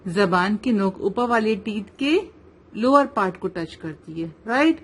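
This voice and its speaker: A woman with a Pakistani Urdu accent teaching tajweed in an online lesson, slowly modelling recitation and checking with the student. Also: mid-range voice, animated. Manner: slow, careful modelling of recitation, checks with "right?".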